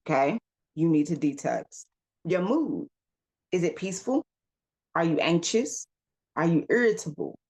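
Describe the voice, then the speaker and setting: A woman giving a casual self-help talk as a wellness coach, firing off questions and calling listeners y'all and baby. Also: lowish voice. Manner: asks rapid rhetorical questions, calls listeners y'all and baby; emphatic, coaching.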